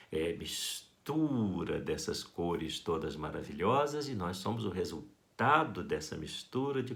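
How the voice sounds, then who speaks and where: A Brazilian man giving a school art lesson, talking to his students in a playful, affectionate and expressive way. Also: low voice, gravelly. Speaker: art teacher.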